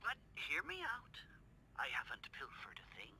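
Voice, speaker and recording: A hammy, jolly pirate king. The voice swoops all over the place with big lively leaps, and the tone is very bright and sharp. It is plainly a goofy dad doing the pirate bit. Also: high-pitched, moderate pace, gravelly, a little hiss or hum, full character voice, rough recording. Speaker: recorded message from a parent.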